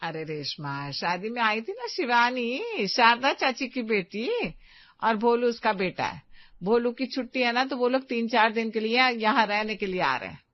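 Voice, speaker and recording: A caring middle-aged mother-in-law who fusses over her guests and instructs her daughter-in-law in a cartoon story, voiced by a woman. Her voice sits a bit high, and the recording is dry and slightly dull. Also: expressive, moderate pace, no echo, close to an everyday voice.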